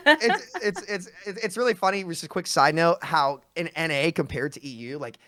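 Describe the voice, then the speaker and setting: A man's voice: a little high, brisk, fairly bright tone. A man talking as a guest on a podcast, rambling and repeating words in casual chat.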